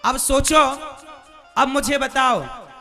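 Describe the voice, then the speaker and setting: A man's voice: very high voice, takes it slowly, gravelly, pushed and bright, faint music behind. A man preaching to a live audience, asking rhetorical questions and quizzing the crowd. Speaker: religious preacher.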